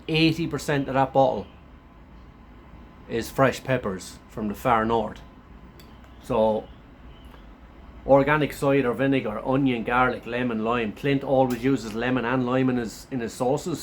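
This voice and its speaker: A man chatting casually to camera as a food reviewer, laid-back and blokey, his voice thick and hoarse from a sore throat and sounding run down. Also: mid-range voice, slight background noise. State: run down after a chest infection.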